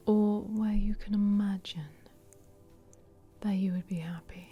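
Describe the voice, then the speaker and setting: In a breathy ASMR whisper, a woman with a mid-range voice plays a relaxed, cheeky meditation guide. As the host of a relaxation session, she gives soft, meandering instructions.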